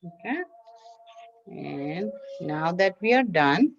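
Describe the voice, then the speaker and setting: A woman with a fairly low, gravelly, expressive voice takes it slowly as she leads a kids' craft class. She gives simple instructions one step at a time and repeats them encouragingly, heard through dull lo-fi online class audio.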